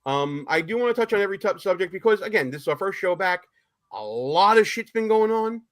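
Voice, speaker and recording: A man's voice: high voice, expressive, brisk, a bit bright. A man with a Brooklyn accent hosting a casual live political talk show in a chatty, informal way.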